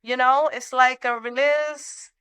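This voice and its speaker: A young woman from Venezuela talks through an interview in accented English, pausing now and then to reach for the right word. Her voice sits a little high, bright and very clear, and she speaks slowly. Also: steady tone. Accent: Venezuelan Spanish. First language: Spanish. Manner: searches for English words, repeats phrases. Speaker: podcast guest. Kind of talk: conversational interview.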